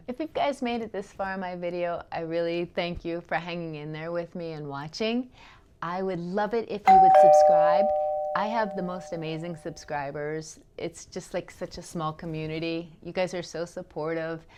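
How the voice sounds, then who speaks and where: Middle-aged lady rambling on about her cruise day, lower voice, lots of ums. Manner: chatty, rambling, with fillers and laughs. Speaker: travel vlogger. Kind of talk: casual travel vlog.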